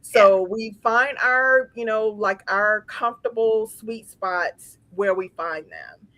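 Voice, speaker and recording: A woman's voice: on the high side, takes it slowly, a bit bright, no room sound, poor audio. A woman in a casual live chat, reflective and affirming, often saying yeah and you know. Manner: affirming, frequent fillers, reflective. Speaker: guest in a live conversation.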